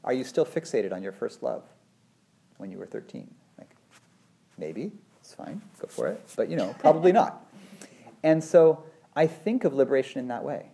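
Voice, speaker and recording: With long pauses and a sing-song, creaky, mellow voice of medium pitch, a meditation teacher in his forties converses casually at a moderate pace. He drifts thoughtfully from point to point, saying "you know" and "like" a lot.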